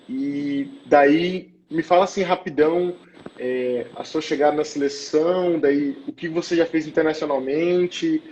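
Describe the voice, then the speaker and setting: A man with a Brazilian Portuguese accent hosts a casual live-stream chat as a coach. He mostly chimes in with short agreements in friendly slang. His voice sits a little high, with faint noise behind it. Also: darkish tone, dull audio. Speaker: host coach.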